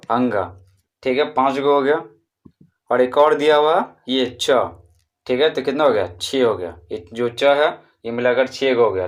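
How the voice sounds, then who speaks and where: A man with a Bihari Hindi accent, teaching a primary-school textbook chapter. He repeats and drills the answers and draws out words to show how someone calls out. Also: medium pitch. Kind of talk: explaining a textbook chapter to pupils.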